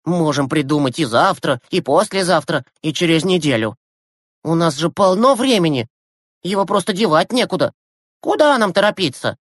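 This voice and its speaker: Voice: mid-range voice, big pitch swings, moderate pace, no room sound, voice pushed up. A reader voicing a cocky, hot-tempered sixth-grade boy who lashes out sarcastically in an audiobook. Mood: sarcastic. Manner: brash, sarcastic outbursts. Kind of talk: audiobook character voice.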